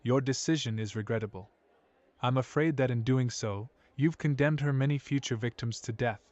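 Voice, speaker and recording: A man's voice: medium pitch, moderate pace, a little mellow, no echo, muffled recording, close to an everyday voice. A man playing a grave, vengeful elf hunter in a video game, speaking formally and solemnly in a hollow voice. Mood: solemn, regretful. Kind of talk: video game character dialogue.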